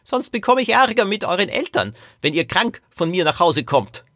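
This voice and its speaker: A man voicing a gruff, secretive old great-grandfather in a high, cackling voice for a children's audio story. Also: big pitch swings, moderate pace, sharp tone, no room sound, studio quality, exaggerated voice. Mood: teasing. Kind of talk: audiobook character voice.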